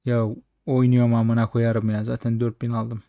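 A man giving casual, frustrated slot commentary, swearing constantly and talking at the machine, slightly hoarse late at night. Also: medium pitch, monotone, moderate pace, no room sound, dull audio. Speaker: slot streamer.

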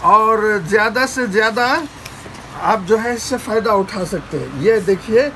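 An older man selling fishing reels from his shop counter, repeating model names in a persuasive sales pitch. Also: expressive, measured pace, sharp tone, slight background noise, rough recording. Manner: repetitive, persuasive salesman patter, urging viewers to buy. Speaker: fishing tackle shop seller. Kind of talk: product showcase sales pitch. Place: small shop packed with shelves, indoors.

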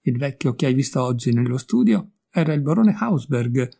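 Guy reading a witty young painter, breezy and teasing, mellow raspy voice, audiobook. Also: mid-range voice, expressive, normal speed. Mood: amused. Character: witty young male painter, amused and worldly. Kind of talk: audiobook character voice.

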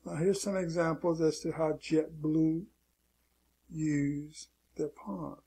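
A man's voice: fairly high pitch, level tone, slow, mellow, breathy edge. A man teaching an online marketing lesson in a loose, casual way, often saying "okay" and repeating his warnings. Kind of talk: casual screen-share tutorial.

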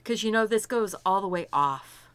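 A woman's voice: medium pitch, animated, moderate pace, a bit bright, clean tone, no room sound. A middle-aged woman teaching a step-by-step painting lesson, chatty and thinking aloud as she works, delighted by her own results. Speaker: art instructor.

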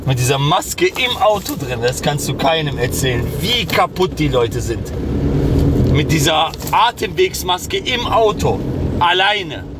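A man's voice: a little high, very animated, a little slow. A man hosting a live stream, ranting with mocking rhetorical questions, speaking from inside a car. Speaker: streamer and host. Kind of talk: casual live-stream rant. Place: in a car in the city. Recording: loud traffic noise outside.

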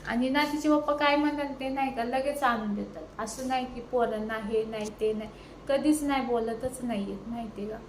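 Her voice sits on the high side at a moderate pace, with plenty of reverb. This Indian vlogger in her thirties films herself on a handheld phone, talking chattily to viewers at her home terrace and later in a furniture shop, where she bargains loudly. Traffic noise fills the rough phone audio.

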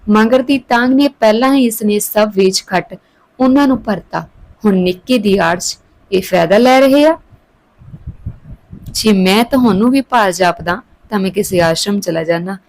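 A woman's voice: mid-range voice, darkish tone, lightly acted, rough recording. A woman voicing an old father who scolds his family, stern and angry, in a storybook reading. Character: old father, proud, angry, protective of daughter-in-law.

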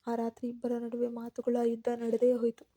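A woman narrating a scripted story with steady, measured reading. Her voice is fairly high yet very dark and mellow in tone, and it stays flat and even throughout.

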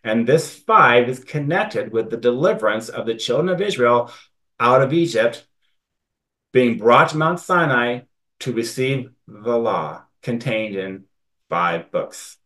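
A man giving a Bible study presentation, reading verses aloud and then explaining them in a relaxed, conversational way. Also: mid-range voice, unhurried, poor audio. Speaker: Bible teacher.

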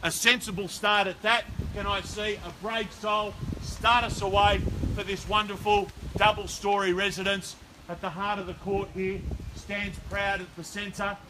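A man's voice: sits high, level tone, measured pace, background noise. A middle-aged Australian man calling a live property auction outdoors, delivering persuasive sales patter and rhythmic bid calls. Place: outdoors on a suburban front driveway. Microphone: far camera, no visible mic.

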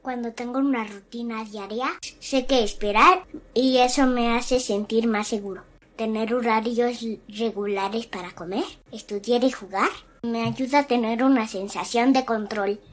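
A woman voicing an earnest, anxious little boy in an animated explainer, reciting his feelings simply. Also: on the high side, unhurried, close to an everyday voice. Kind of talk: scripted animated explainer dialogue.

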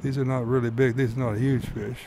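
A man with an ordinary, middle-pitched voice talks through his fishing footage in a relaxed, folksy way. He explains as he goes, plainly and unhurried. A soft wash of background noise sits under him. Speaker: fly-fishing guide and host. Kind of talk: narrating his own fishing video.

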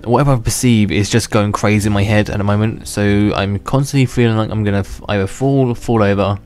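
A young gaming channel host's voice is on the low side, steady, a little fast, and a little mellow, though slightly worn from being unwell. He rambles casually as he plays, restarting sentences and chuckling. Faint music is audible in the background.

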